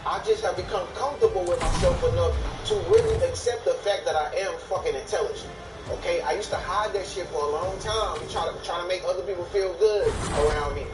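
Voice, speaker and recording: A man's voice: high-pitched, expressive, fast, music in the background. A man streaming a game while giving a boastful, profane, rambling talk, speaking from Thailand. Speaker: gaming streamer. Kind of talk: casual rambling monologue while gaming. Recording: echoey, distant mic, noisy background.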